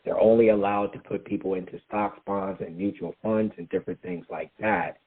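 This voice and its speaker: A man with a lower voice walks listeners through a process on a call. He is emphatic and poses questions only to answer them himself. The sound is narrow and tinny, like a phone line. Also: steady tone, normal speed, husky. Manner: emphatic, answers his own rhetorical questions. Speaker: guest speaker explaining crypto. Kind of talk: explanatory call talk.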